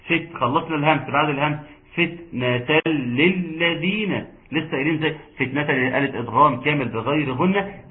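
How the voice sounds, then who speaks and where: A man with an Egyptian accent teaching Quran recitation rules, chanting verses slowly and explaining quickly. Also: mid-range voice. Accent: Egyptian Arabic. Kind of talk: online tajweed lesson. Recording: tinny online call audio.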